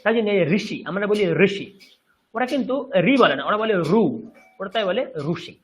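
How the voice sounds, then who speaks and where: A man's voice: high-pitched, quick pace, fairly bright tone, breathy edge. A man from West Bengal with a Bengali accent, teaching a Sanskrit class and patiently checking that his students follow. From West Bengal, India. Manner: patient, explanatory, checks understanding. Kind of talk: online class lecture. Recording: dull lo-fi audio.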